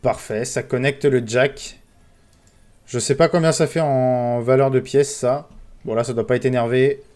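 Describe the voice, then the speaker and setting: A man streaming casino games, commentating live, excitable, pleading with the game and calling out sums. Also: mid-range voice, a little slow, faint music behind.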